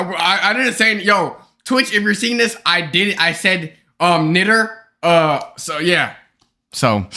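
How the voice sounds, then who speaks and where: A man's voice: high voice, bright, forceful tone. A young man chatting casually and ramblingly with his viewers as a live streamer, talking into his streaming mic. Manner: rambling and slangy, calls viewers bro and y'all.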